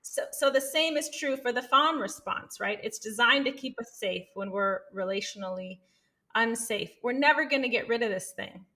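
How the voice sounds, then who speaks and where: A woman's voice: fairly high pitch, normal speed, bright, forceful tone. A woman psychologist and author, a podcast guest, talking earnestly and animatedly, often checking in with "right?". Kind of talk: conversational interview.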